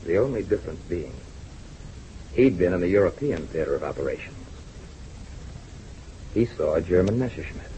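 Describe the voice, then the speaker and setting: A grave airline owner in an old radio play. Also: male voice, lively intonation, moderate pace, long pauses, warm tone, a little hiss or hum, low-quality recording. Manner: low, grave, insistent. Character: grave, serious airline owner, a grown man. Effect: old radio broadcast sound. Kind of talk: 1940s radio drama acting.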